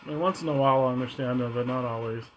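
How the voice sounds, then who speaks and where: A man's voice: mid-range voice, rapid-fire, lo-fi sound. Man casually musing and questioning spirits. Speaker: paranormal investigator hosting a spirit box session. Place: at home.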